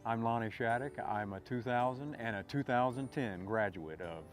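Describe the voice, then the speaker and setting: A man who graduated from a recovery program, speaking haltingly in a testimonial. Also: mid-range voice. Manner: halting, with fillers. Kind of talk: promotional testimonial. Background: music.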